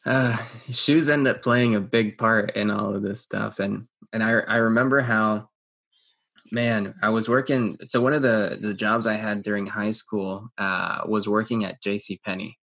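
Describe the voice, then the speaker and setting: A young man co-hosting a podcast, recalling stories in a relaxed, hesitant way. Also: lowish voice, a little slow, creaky. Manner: relaxed, hesitant recollection with fillers and restarts. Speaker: podcast co-host. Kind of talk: casual chat.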